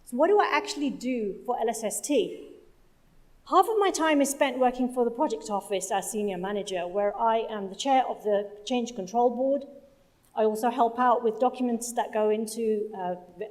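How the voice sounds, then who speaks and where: On a conference hall stage, a project manager from London, UK, whose first language is Punjabi, gives a conference presentation. She has a higher voice with a darkish tone.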